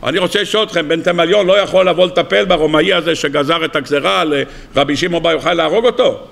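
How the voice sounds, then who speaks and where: A male rabbi delivers a lively, joke-filled Torah lecture, acting out each character as he goes. His voice is high and bright with a gravelly, creaky texture. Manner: animated, jokey, acts out voices. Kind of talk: humorous storytelling Torah lecture.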